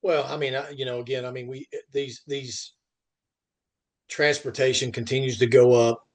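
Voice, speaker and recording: This man hosts a podcast and comments on the freight industry, talking off the cuff, stumbling and repeating how his phrases begin. He makes forceful points, asking questions only to answer them himself. His voice is mid-range and fairly flat in pitch.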